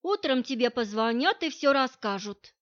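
A curt, exhausted male guard, voiced by a woman narrator in an audiobook. He answers in short, flat, dry lines in a fairly high register. The audio sounds dull and lo-fi. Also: normal speed. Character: gruff tired male security man, curt.

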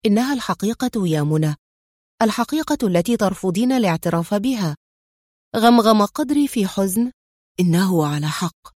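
A woman narrating a novel in a measured, even storytelling manner. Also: mid-range voice, dry recording, studio quality.

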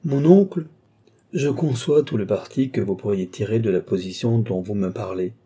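Reading an audiobook, a man voices an eloquent middle-aged duke who pleads and declaims with fervour. His fairly low voice is mellow and husky, delivered at a moderate pace in an impassioned mood.

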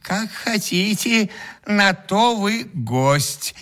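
A man's voice: high voice, lively intonation, very slow, fairly bright tone, voice pushed up, full character voice. A man voicing a stingy male host who hides his suffering behind fawning courtesy. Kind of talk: humorous story reading.

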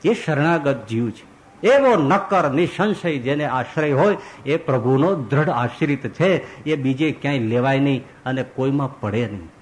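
A male monk preacher giving a devotional sermon, telling stories in an animated way. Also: medium pitch, normal speed, rough recording. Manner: animated storyteller who voices characters.

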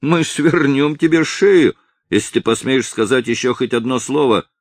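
A man voicing a gang of rough, drunken male mule drivers who shout loud taunts. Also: mid-range voice, normal speed, dry recording, clean studio sound, pitched above the performer's own voice, close to an everyday voice. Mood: jeering.

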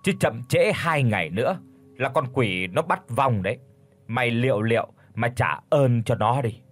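A man voicing a young man who fakes his grandfather's ghost with a deep, booming, domineering voice. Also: lively intonation, moderate pace, lightly acted. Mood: warning. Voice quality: deep booming, sometimes a feeble rasp. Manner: domineering, scolding.

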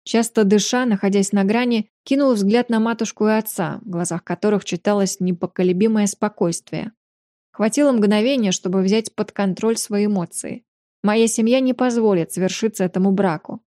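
A woman narrating a first-person fantasy audiobook in a measured, expressive storytelling manner. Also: mid-range voice, no room sound, clean studio sound.

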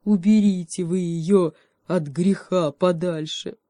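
A woman voicing a gruff, sleepy male bear who growls and complains. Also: fairly low pitch, fairly even intonation, slow, warm tone, no room sound. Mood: pleading.

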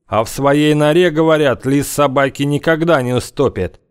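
A man voicing a hard, sinister gang leader who warns slowly and ominously, using thieves' slang. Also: fairly high pitch, clean tone, no echo, clean studio sound, voice pushed up, natural voice. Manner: slow, ominous, heavy with slang.

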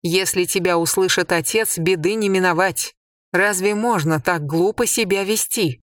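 A reader voicing a stern, commanding young husband in an audiobook. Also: male voice, sits high, moderate pace, fairly bright tone, dry recording, clean studio sound. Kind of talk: audiobook character voice.

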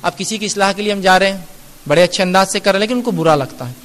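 This man's voice is high with a fairly bright tone, trailed by a long reverb. He's an Islamic lecturer taking audience questions, earnest and admonishing as he explains through everyday examples.

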